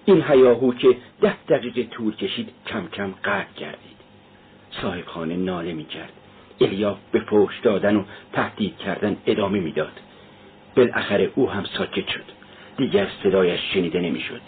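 A man narrating an audiobook in a steady, solemn reading. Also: lowish voice, a little hiss or hum. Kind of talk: scripted narration. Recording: tinny phone-like sound.

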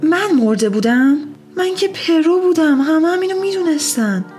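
A woman voicing a bewildered uncle who shouts in anger and stammers when shaken. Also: mid-range voice, faint music behind, close to an everyday voice. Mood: angry shouting. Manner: shouting, then shaky and stammering. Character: furious bewildered uncle who returned home, man.

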